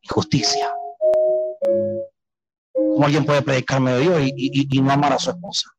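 A man's voice: medium pitch, little pitch movement, moderate pace, over loud music, poor audio. A man preaching a sermon, asking the congregation to repeat words after him.

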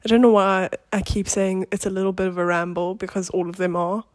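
A woman's voice: medium pitch, flat delivery, a little fast, no echo, studio quality. Young woman rambling on her podcast. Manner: rambling, chatty, self-deprecating, frequent "like" fillers. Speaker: podcast host. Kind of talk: casual rambling advice monologue. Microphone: close personal mic, one take.

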